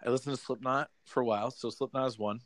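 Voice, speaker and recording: A young man talks in a loose, rambling way, laughing often and swearing freely. His voice sits at a middling pitch. The sound is close and dry, with no room echo. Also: fairly even intonation, quick pace. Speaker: musician guest. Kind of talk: casual podcast chat. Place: home bedroom in quarantine.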